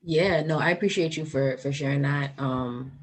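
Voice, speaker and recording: A woman in her twenties hosts a podcast, keeping the chat casual and upbeat and peppering it with "like" and "um." She speaks at a normal speed in a low, slightly rough voice.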